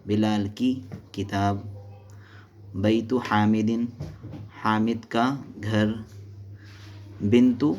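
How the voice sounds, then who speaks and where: Slow-paced man teaching a grammar lesson. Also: lowish voice, flat delivery, a little mellow, slight background noise. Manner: explains step by step, asks and answers his own questions; mixes Hindi-Urdu with English and Arabic terms. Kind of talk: classroom lesson explanation.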